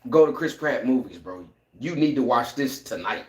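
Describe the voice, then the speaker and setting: A man co-hosting a podcast in casual chat, animated and slangy, acting out lines as he talks. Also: medium pitch, moderate pace. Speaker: podcast co-host. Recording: echoey room.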